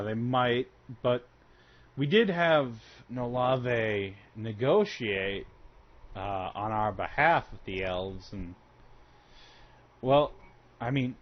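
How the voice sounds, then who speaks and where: A man narrating and talking in character as a game master in a halting, conversational way, on a dull recording. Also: medium pitch. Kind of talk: improvised tabletop game narration and in-character talk. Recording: dull lo-fi sound with faint noise.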